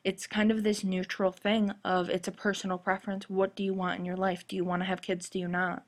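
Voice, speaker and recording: A woman with a slightly gravelly, husky voice from a sore throat presents podcast commentary. She explains her points in a measured way, at a middle pitch. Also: completely flat delivery. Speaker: podcast host. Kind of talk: scripted-sounding TV fan commentary podcast.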